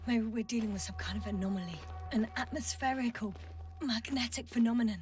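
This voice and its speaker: A woman's voice: on the high side, fairly quick, a little mellow, lightly acted. An actress voicing a composed female field doctor in a video game who gives clipped, matter-of-fact reports. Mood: focused. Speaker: scientist on a planet mission. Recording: game audio, distant mic, music under.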